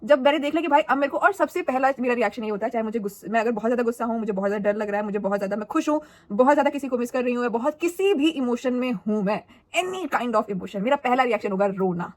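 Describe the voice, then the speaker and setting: A young adult woman telling a school story in a chatty, animated and dramatic way for her vlog. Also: a little high, very fast. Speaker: vlogger.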